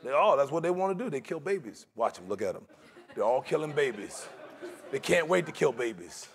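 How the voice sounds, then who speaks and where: A man's voice: mid-range voice, sing-song, a little fast, vocal fry. A middle-aged man preaching a sermon in a large church sanctuary, talking in a conversational way and slipping into mocking voices for his examples.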